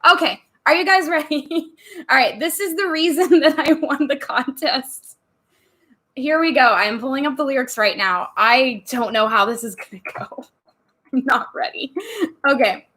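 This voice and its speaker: This high-sitting female voice moves at a moderate pace and sounds bright and forceful. She hosts a relaxed livestream, chatting and fielding viewers' questions while laughing often between answers. Between sips of wine, she jokes about getting tipsy.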